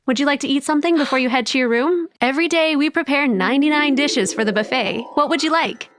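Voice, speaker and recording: A woman's voice: sits high, quick pace, a bit bright, no room sound, clean studio sound, voice pushed up. A woman voicing a kind, formal woman who serves as palace butler, speaking politely and accommodatingly. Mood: courteous.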